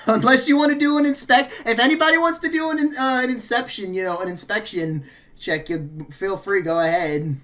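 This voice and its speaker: A man's voice: high-pitched, moderate pace, fairly bright tone. A man running a tabletop game as game master, casual and rambling, laughing often and correcting himself mid-sentence.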